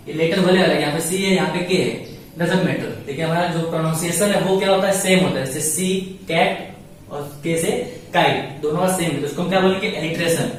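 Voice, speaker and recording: A man's voice: high voice, a little hiss or hum. A man teaching an English grammar lesson online, explaining in a patient classroom manner and often asking questions aloud before answering them himself. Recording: echoey room, mic at a distance.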